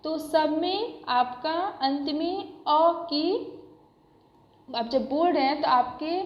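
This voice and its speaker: A woman teacher patiently explaining a grammar lesson to young children, repeating each point. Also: sits high. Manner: patient, repetitive, addresses children directly. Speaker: school teacher. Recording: echoey room, dull lo-fi sound.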